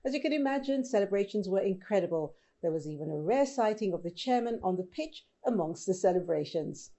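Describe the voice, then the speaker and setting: Mellow-voiced woman news host. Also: mid-range voice, expressive, a little fast, a little hiss or hum. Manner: conversational, addresses viewers directly. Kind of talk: scripted news presenting.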